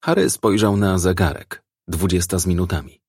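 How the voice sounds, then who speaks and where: In a low, husky voice, a man reads a crime novel aloud with steady, measured narration. The recording is close and dry, with no sense of a surrounding room.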